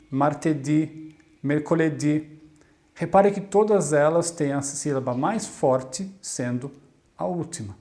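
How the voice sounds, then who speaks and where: Clear, deliberate man teaching. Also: on the high side, darkish tone. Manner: clear, deliberate, slows down to model Italian words. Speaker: Italian language teacher. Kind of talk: scripted video lesson.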